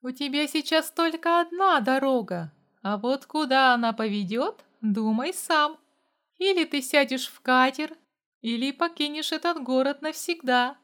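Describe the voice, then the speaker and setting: A woman reading the part of a haughty middle-aged mother who speaks in a cool, measured, commanding way, in an audiobook story. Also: high-pitched, expressive, a bit bright, voice pushed up. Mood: stern.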